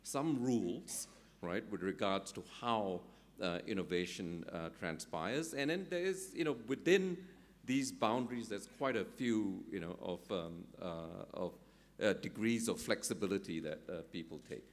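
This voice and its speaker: A middle-aged man on a conference panel, his voice sitting a little low. He works through his points out loud, padding them with ums and "you know", and tags many statements with a quick "right?". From Singapore. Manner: hesitant, thinks aloud, many fillers, often ends with "right?". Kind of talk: panel discussion at an economic summit.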